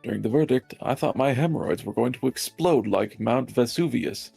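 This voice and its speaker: A man voicing an elderly judge and veteran lawyer, reading game dialogue aloud on stream in a slow, pompous way. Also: mid-range voice, vocal fry, dark tone, slightly rough, soft background music.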